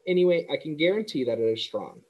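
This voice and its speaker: A man voicing a weak, gentle old spider. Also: fairly high pitch, expressive, quick pace, dull audio, voice pushed up. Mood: weary, gentle. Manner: quiet, tired, gentle. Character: weak, fading female spider, gentle and wise.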